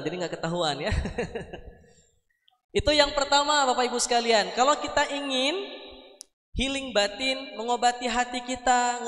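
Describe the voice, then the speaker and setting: A man's voice: very high-pitched, fairly bright tone. A young man preaching at a mosque study session on a handheld mic, chatty and joking, breaking into melodic chanting. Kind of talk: mosque study sermon with sung dhikr. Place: mosque hall. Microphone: handheld microphone. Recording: roomy echoing mosque hall.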